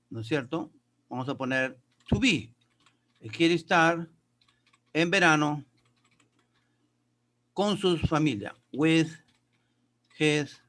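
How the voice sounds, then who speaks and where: A male teacher with a slightly raised voice walks his pupils through grammar and pronunciation one step at a time. He reads English sentences aloud slowly and deliberately. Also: fairly high pitch, sharp tone. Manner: explains step by step, addresses pupils as kids. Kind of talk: classroom lesson.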